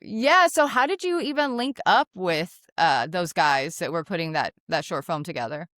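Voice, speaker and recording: A woman's voice: fairly low pitch, lively intonation, moderate pace, a bit bright, no echo, studio quality. A woman host chatting casually in an interview, laughing often and leaning on fillers as she talks. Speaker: interviewer and actress.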